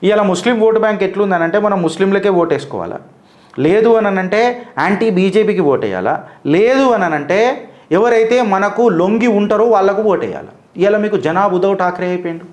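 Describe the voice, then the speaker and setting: A man's voice: high-pitched, roomy sound. A man giving combative political commentary, firing rhetorical questions straight at the person he criticizes.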